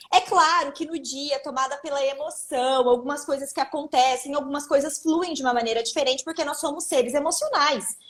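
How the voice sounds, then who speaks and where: A woman, a lawyer hosting a live video chat, talking in a conversational, reflective way. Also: high-pitched. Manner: conversational, reflective, frequent restarts. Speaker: host lawyer.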